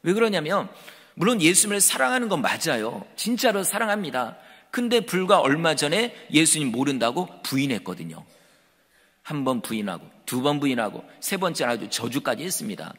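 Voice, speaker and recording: A man preaching a sermon as pastor, animated and conversational. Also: a little high, fairly quick, slightly rough. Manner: animated, conversational preaching that acts out quoted speech. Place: church sanctuary. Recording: reverberant church hall.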